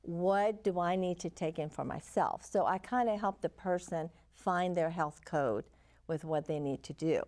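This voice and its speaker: Older woman from Chile, low-pitched, calm interview guest. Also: normal speed. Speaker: health counselor guest. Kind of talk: interview answers.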